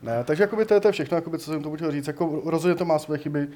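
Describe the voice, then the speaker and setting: A man's voice: a little high, warm tone. A man co-hosting a casual gaming podcast, talking in long rambling stretches full of fillers. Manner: rambling, heavy use of fillers. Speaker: podcast co-host. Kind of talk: casual chat about video games.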